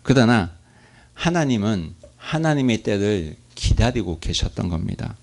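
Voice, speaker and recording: Low gravelly-voiced male pastor preaching. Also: big pitch swings, measured pace. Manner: preaching with rhetorical questions and acted-out prayers. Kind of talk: sermon.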